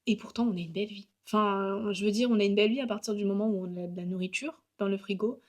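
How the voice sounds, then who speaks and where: A woman's voice: medium pitch, fast talker. A young woman talking casually to camera in a vlog, chatty and upbeat, with many fillers and small self-mocking asides. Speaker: vlogger and graphic designer.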